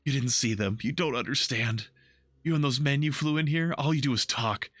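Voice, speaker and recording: A man's voice: medium pitch, moderate pace, fairly bright tone, husky, no echo, pitched above the performer's own voice. A man voicing a frightened, haunted young elf woman in a video game, reading her lines aloud with a raised, strained voice.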